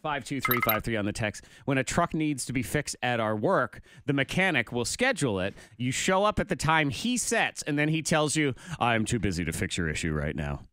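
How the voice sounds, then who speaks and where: Lively wry man on morning radio. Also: medium pitch, normal speed, hardly any pauses. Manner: wry, playful, animated. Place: radio studio. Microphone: studio microphone with headphones.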